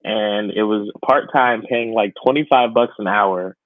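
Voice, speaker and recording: A man in his twenties co-hosts a podcast, chatting casually in a chummy, self-deprecating manner. His lowish voice is a little slow, and the dry recording sounds tinny, like a phone line.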